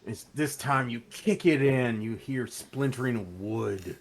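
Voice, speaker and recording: A man narrating as game master of a tabletop game, calling for checks and describing the action in a relaxed, matter-of-fact way. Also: medium pitch, slow pace. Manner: relaxed, matter-of-fact rules talk with fillers.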